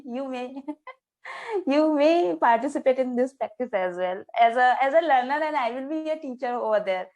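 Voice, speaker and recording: A woman, her voice fairly high. She is friendly and easygoing in a practice conversation, quick to laugh and to answer with short okays. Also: animated, darkish tone. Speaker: English teacher and channel host.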